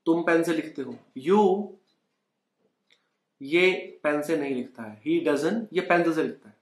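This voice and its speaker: Indoors at home, in an echoey room, a young Indian man teaches spoken English through Hindi, urging his learners to repeat each sentence after him. His pitch is fairly high and his pace measured.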